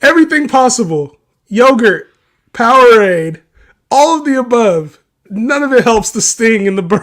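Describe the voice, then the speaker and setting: A man's voice: high-pitched, fairly bright tone. A man co-hosting a casual sports betting livestream, laughing often and teasing his partner. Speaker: livestream co-host.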